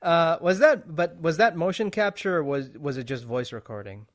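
A man's voice: a little high, normal speed. A man hosting a casual interview, rambling loosely with many fillers and laughing often. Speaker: podcast host, interviewer.

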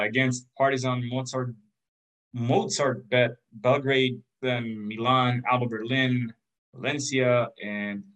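A man with an ordinary mid-range voice hosts a relaxed basketball talk. He jokes easily and rattles off long lists of teams. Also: mid-range voice, rough recording. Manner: joking, runs through lists of teams. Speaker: podcast host. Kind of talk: casual sports chat.

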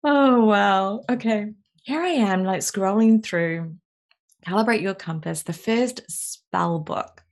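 Woman, podcast co-host, enthusiastic, chatty, gravelly fry, medium pitch. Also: takes it slowly. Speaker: course co-host. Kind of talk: casual podcast chat.

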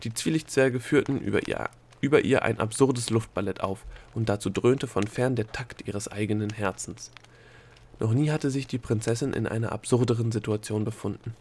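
A man's voice: fairly low pitch, moderate pace, darkish tone, a little hiss or hum. Male audiobook narrator. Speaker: audiobook reader. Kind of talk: scripted narration.

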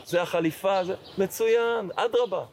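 A middle-aged man, a rabbi, telling his personal story in an interview, acting out dialogue with lots of fillers. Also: sits high. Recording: noticeable background noise.

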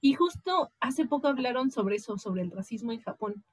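A woman with a Mexican accent chatting casually as a podcast guest, animated and acting out quoted voices. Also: on the high side, moderate pace, dry recording.

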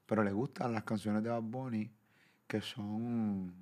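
A man's voice: lowish voice, steady tone, a little slow. Man, Puerto Rican accent, forties, podcast host, boisterous, crude banter. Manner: boisterous, profane, loud mock impressions.

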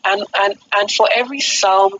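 A woman's voice: medium pitch, normal speed, fairly bright tone. A woman, talking about faith in an earnest, casual way and laughing often. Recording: slightly dull audio with faint background noise.

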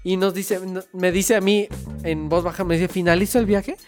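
Hombre joven chilango contando una anécdota. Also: male voice, high voice, normal speed, faint music behind. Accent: Mexico City Spanish. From Mexico. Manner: slangy, animated, laughing storyteller. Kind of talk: casual storytelling chat.

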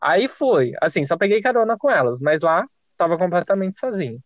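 Brief: young Brazilian male podcast host, high voice, dry close sound, animated and profane storyteller. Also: fairly quick, no room sound. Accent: Brazilian Portuguese. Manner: lively, profane, self-mocking. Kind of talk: casual storytelling.

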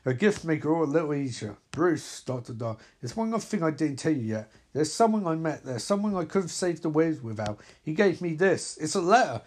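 A man voicing an anxious young male speedster hero in a casual comic read-aloud, talking in a rushed, earnest way. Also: fairly high pitch, very animated, slightly rough.

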